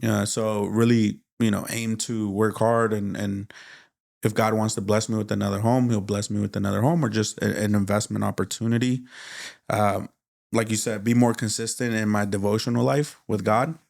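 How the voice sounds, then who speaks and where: A man with a fairly low, gravelly voice chats on a casual podcast. He sounds relaxed and candid, with a ready laugh as he talks about himself. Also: moderate pace. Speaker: podcast co-host.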